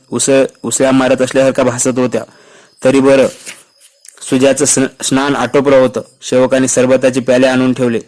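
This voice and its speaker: A man reading a historical novel aloud in a steady, even way. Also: medium pitch. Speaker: narrator.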